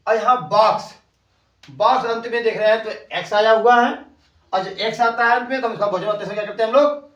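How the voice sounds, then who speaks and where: A man teaching an English grammar lesson, explaining slowly and spelling words out letter by letter. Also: sits high, a bit bright, highs cut off. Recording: echoey room, voice from a distance.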